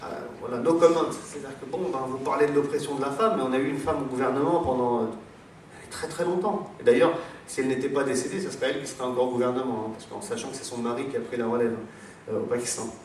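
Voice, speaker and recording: A man's voice: medium pitch, fairly even intonation, fast, slight background noise. A French-born man giving a religious lecture in a rambling, digressive way, with many fillers and repeated words. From France. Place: large echoey hall. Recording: echoey hall, voice from far off, faint background ambience.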